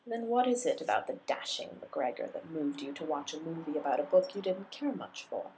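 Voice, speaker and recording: A woman voicing a smug, teasing middle-aged Scottish man, speaking in a hushed half-whisper. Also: sits low, big pitch swings, fairly quick, a little hiss or hum.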